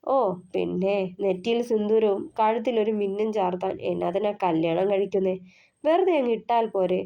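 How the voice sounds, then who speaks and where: A woman reading the part of a sharp-tongued young female college friend, sarcastic and prying. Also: mid-range voice, moderate pace, lo-fi sound, close to an everyday voice. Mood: mocking.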